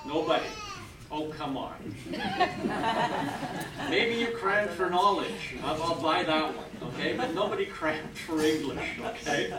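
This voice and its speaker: An older man with a voice that sits high, from Canada and a native French speaker, encourages new citizens at a ceremony in a large, crowded hall. He keeps checking in with "okay?". The sound is echoey, captured from a distance with noise behind.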